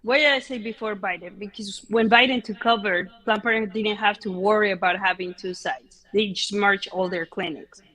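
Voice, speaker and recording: A woman's voice: medium pitch, a bit bright, poor audio. Woman with a Mexican immigrant accent. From Mexico City, Mexico. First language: Spanish. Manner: speaks like an immigrant, accented English; often seeks agreement with short tag questions. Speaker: interview guest giving testimony. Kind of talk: conversational personal storytelling.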